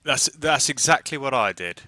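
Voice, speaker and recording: A man's voice: medium pitch, expressive, normal speed, bright, forceful tone, no echo. A man bantering over a golf game, joking and teasing and laughing often. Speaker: gaming commentator. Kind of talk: casual gaming banter.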